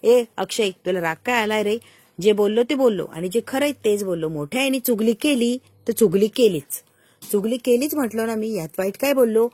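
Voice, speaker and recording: A woman's voice: on the high side, moderate pace, dark tone, breathy edge, no room sound. A woman voicing a quarrelsome, defiant young man. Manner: defiant, confrontational.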